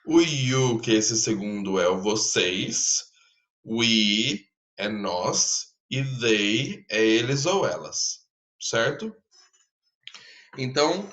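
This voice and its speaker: A man's voice: medium pitch, a bit bright. A man from Brazil teaching an English grammar lesson, explaining patiently and checking in with his students often. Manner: slow, patient explaining with frequent "tá?" check-ins. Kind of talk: recorded online lesson.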